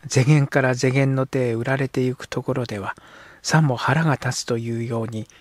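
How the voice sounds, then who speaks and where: A man narrating a period novel as an audiobook, in measured, expressive storytelling. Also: mid-range voice, no room sound.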